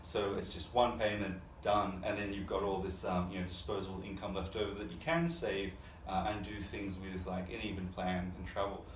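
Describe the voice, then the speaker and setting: A young man from Australia hosting a casual panel chat, relaxed and chatty with many fillers. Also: deep voice, normal speed, few pauses, a little hiss or hum. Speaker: host. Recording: echoey room, mic at a distance.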